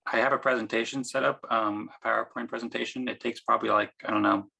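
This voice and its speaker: A man's voice: medium pitch, steady tone, fast talker, creaky, pushed and bright, husky, low-quality recording. An American man presenting in a casual video-call meeting, talking hesitantly with lots of fillers. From United States.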